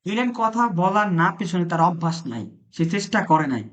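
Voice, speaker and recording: A man's voice: sits high, big pitch swings, normal speed, fairly bright tone. A man teaching a classroom language lesson, asking his students questions and repeating their answers. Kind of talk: classroom lesson, live-streamed. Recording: dull lo-fi classroom audio.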